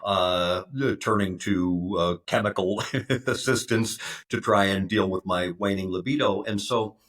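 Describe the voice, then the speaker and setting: A man in his fifties, a podcast guest, speaking in a halting way with many fillers and restarts. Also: low-pitched, fairly even intonation, a bit bright. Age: 50s. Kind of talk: conversational interview.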